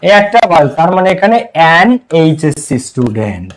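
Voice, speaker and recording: A man's voice: fairly high pitch, big pitch swings, a little fast, poor audio. A young man from Bangladesh teaching English grammar in a live online class, drilling students with repeated questions and answers.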